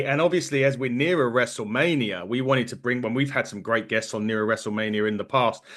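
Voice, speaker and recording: English man hosting, medium-pitched voice. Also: fairly bright tone. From England. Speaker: podcast host. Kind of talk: conversational interview hosting.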